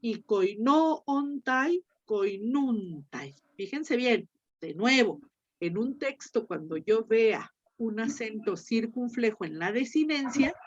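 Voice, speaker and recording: A woman teacher with a Mexican Spanish accent giving a lecture, patiently spelling out word forms slowly and repeating them. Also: a little high, animated, muffled recording. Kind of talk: lecture on ancient Greek verbs.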